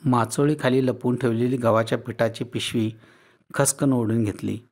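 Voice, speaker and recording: A man who writes and reads his own village stories aloud in steady, measured narration. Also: medium pitch. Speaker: author and story reader. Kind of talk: audiobook storytelling.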